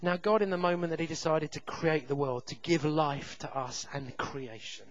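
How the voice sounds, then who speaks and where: A man in his thirties preaching a sermon, telling a personal story with self-deprecating humor and loud shouted reenactments. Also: fairly high pitch, moderate pace, muffled recording. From England.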